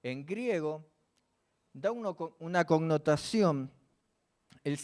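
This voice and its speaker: A man's voice: a little high, animated, takes it slowly, a little mellow. A man preaching a church sermon, often asking the congregation questions and answering them himself.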